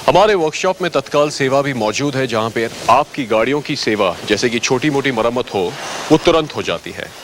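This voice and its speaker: Acting as a service advisor, a man gives a scripted training presentation, courteously instructing the viewer at normal speed. His pitch moves in a lively way, and faint vehicle and ambient noise sit behind him.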